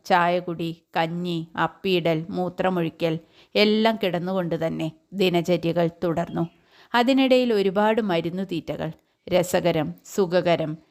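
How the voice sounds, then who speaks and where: A woman reads a short story aloud in a calm, measured voice. Her delivery is reflective and unhurried. Her pitch sits on the low side. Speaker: story reader.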